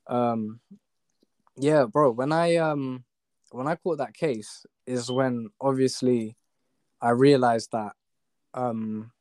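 A man's voice: mid-range voice, fairly even intonation, takes it slowly, long pauses, a little mellow, dry recording. Young London roadman, dry close sound. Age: young adult. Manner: slangy street talk with frequent tag questions. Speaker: podcast guest. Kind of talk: casual chat, telling personal stories.

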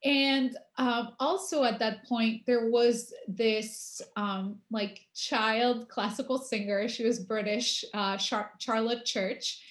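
Young woman raised in argentina, slow and thoughtful, fairly high voice, roomy echo. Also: steady tone. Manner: unhurried, many "um" pauses. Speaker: guest musician. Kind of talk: relaxed interview answers.

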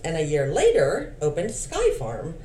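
A woman with a low, mellow voice that swings widely in pitch, reading history notes aloud for a podcast. She drops playful asides between the facts. The recording is roomy and slightly distant, with a faint hiss. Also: wildly swooping pitch, a little slow. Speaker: podcast co-host.

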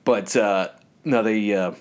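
A man co-hosting a podcast, chatting casually and telling animated stories with frequent laughs. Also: lowish voice, slow, clean tone. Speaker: podcast co-host. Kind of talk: casual chat.

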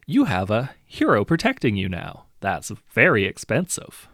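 A man's voice: fairly low pitch, huge pitch swings, moderate pace, fairly bright tone, no room sound, studio quality, exaggerated voice. A man voicing a greedy hero turned lord who makes hollow, falsely sympathetic threats in a storybook. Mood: falsely polite.

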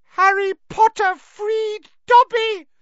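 Dobby, a shrill squeaky house elf. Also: fairly even intonation, slow, a bit bright, dry recording, full character voice. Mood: shrill excited. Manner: speaks of himself in third person. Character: excitable male house elf servant. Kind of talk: audiobook character voice. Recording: dry, slightly dull lo-fi.

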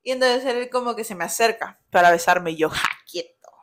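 A woman's voice: fairly high pitch, fairly quick. Chatty young woman telling a story. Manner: chatty, laughs often, acts out quoted lines. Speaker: co-host telling their couple story. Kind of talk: casual storytelling chat.

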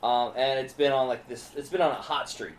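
A young stand-up comic talks loosely, piling up "like" and restarts as he winds through his story. His mid-pitched voice sits in a roomy space with noticeable echo. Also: brisk, slight background noise. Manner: rambling storyteller, many fillers and self-interruptions. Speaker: stand-up comedian. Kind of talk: casual podcast chat.

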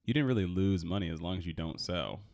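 A man co-hosting a podcast in casual chat, animated and quick to laugh, pitch jumping up when he gets excited. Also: gravelly. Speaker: podcast co-host. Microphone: headphones and studio mic.

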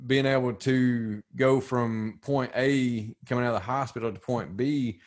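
A man's voice: medium pitch, steady tone, a little slow. A man in his forties hosting a podcast, asking questions in an easygoing, joking way. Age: 40s. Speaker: podcast host. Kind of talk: casual podcast interview.

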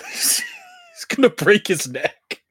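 A man's voice: high voice, wildly swooping pitch, slow, a bit bright, husky, no room sound, raised voice, clean studio sound. A young man co-hosting a casual movie commentary, joking, swearing and laughing often. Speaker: podcast co-host.

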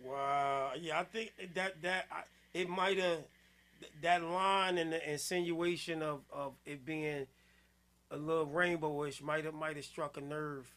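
A man with a high, bright voice hosts a loose late-night podcast chat. He is excitable and breaks into laughter and loud outbursts often. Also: measured pace. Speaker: podcast host.

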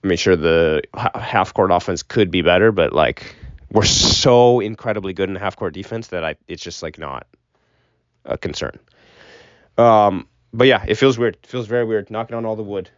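Solo sports podcast host, young man with a low register, loose sweary opinions, dull lo-fi recording inside a closet. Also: moderate pace, no room sound. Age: young adult. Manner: rambling, opinionated, sprinkled with swearing. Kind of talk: casual sports commentary.

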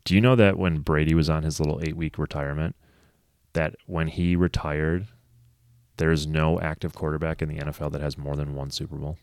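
A man's voice: very deep voice, level tone, fairly quick, darkish tone, clean tone, no room sound, clean studio sound. A man co-hosting a podcast, chatting casually about football, laughing often and going off on asides. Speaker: podcast co-host. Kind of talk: casual sports chat.

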